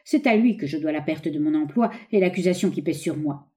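A woman's voice: low-pitched, animated, brisk, warm tone. A woman doing a ruthless scheming young man. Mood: bitter.

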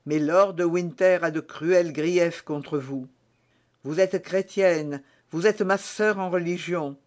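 A man's voice: fairly high pitch, takes it slowly. A man voicing an earnest young officer. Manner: earnest, urgent. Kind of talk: audiobook character reading.

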